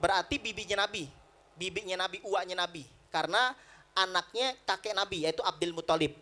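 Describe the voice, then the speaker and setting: A male preacher, telling stories in a lively, joking sermon at a prayer room celebration. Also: high-pitched, a little fast. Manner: lively storytelling with jokes and acted-out voices.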